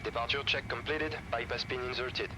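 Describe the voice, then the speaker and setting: Matter-of-fact ground crew worker on the cockpit interphone, medium pitch, clipped procedural calls, hum underneath. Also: male voice, fairly even intonation. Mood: routine. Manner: brisk procedural callouts. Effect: quiet ground crew voice over the cockpit interphone.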